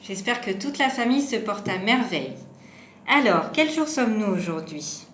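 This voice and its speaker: A woman's voice: medium pitch, animated, normal speed, fairly bright tone. A woman teaching a home lesson to young children, patient and sounding out each syllable and number aloud. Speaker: kindergarten teacher. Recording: echoey room with faint background noise.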